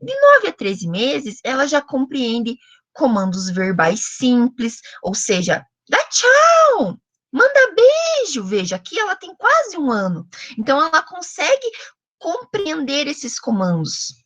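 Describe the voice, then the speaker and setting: A Brazilian woman giving a lecture on how children acquire language, explaining milestones in an animated way and acting out parents' questions. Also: high voice, unhurried, no room sound. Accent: Brazilian Portuguese.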